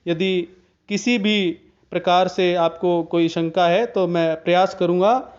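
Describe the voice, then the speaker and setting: A man teaching Hindi grammar to students in a video lesson, explaining slowly and chanting Sanskrit examples. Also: high voice, steady tone, lo-fi sound. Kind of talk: online Hindi grammar lecture.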